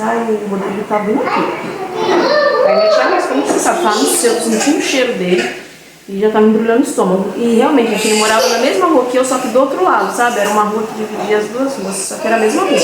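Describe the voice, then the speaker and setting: A woman's voice: fairly high pitch, heavy background noise. A woman, a vlogger chatting casually to her viewers and telling a personal story. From Brazil. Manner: chatty, keeps addressing viewers as "gente". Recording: very echoey room, far from mic, loud kitchen clatter.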